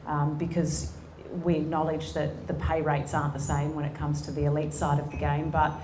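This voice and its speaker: A woman's voice: low voice, completely flat delivery, moderate pace, noisy background. A woman in her forties with an Australian accent, speaking earnestly with many ums and restarts as a guest in an on-stage conversation. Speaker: sports executive and guest speaker. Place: conference room before an audience. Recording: echoey event room.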